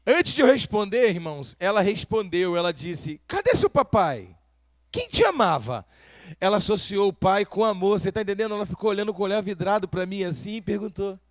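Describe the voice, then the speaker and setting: Man, pastor, sermon, high-pitched, dry sound, questions to the congregation. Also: fast, few pauses, no echo. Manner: preaching with rhetorical questions to the congregation.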